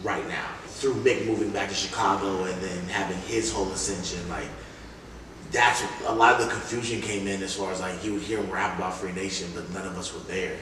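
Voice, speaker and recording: Brisk and steady in tone, a young, very low-voiced man recounts anecdotes casually, as a rapper might in an interview, using plenty of slang and acting out past conversations. The recording comes from a distant mic in a very echoey room, with faint noise present.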